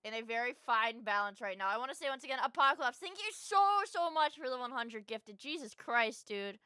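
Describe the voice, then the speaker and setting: A young woman streams in a cute anime-streamer style, her voice high and swinging widely in pitch. She chats casually with her viewers, gushing and cursing as she goes. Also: expressive, brisk, pushed and bright, clean tone, no room sound, studio quality. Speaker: livestreamer. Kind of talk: casual livestream chat.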